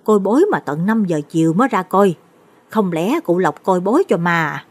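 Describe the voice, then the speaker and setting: A woman voicing a bewildered older woman who keeps asking questions, in a low, breathy voice. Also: lively intonation, moderate pace, a little mellow. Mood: puzzled. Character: puzzled older woman visitor.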